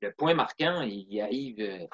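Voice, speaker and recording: A man's voice: lowish voice, lively intonation, moderate pace, a bit bright. A man with a Québécois French accent, speaking reflectively and earnestly as an interview guest, often saying "tu sais" and "puis". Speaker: interview guest, sales closer. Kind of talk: casual interview talk. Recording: slightly dull lo-fi sound.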